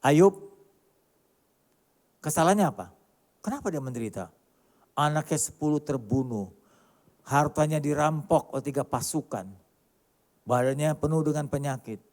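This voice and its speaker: A male pastor preaching a sermon emphatically, with many rhetorical questions and sharp swings between loud and quiet delivery. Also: on the high side, animated, measured pace, pauses often. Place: large church hall. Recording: church hall reverb.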